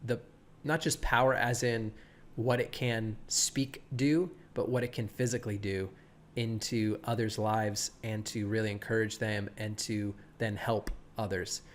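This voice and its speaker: A man in his thirties, a pastor and guest, telling stories in an animated way, with a laid-back surfer-like voice, often acting out what people said. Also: fairly low pitch, measured pace, a little hiss or hum. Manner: animated, quotes people, many restarts. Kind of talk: casual storytelling interview.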